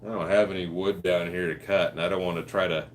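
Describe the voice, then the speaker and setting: A man's voice: sits low, fairly even intonation, fast, slight background noise. A man hosting a casual live stream, reading viewer comments and chatting in a laid-back way, laughing often. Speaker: livestream host.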